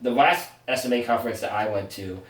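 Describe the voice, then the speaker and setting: A brisk, mid-range male voice belongs to a podcast co-host in his twenties, rambling and correcting himself in a casual chat with his sibling. The room echoes and the mic sits at a distance.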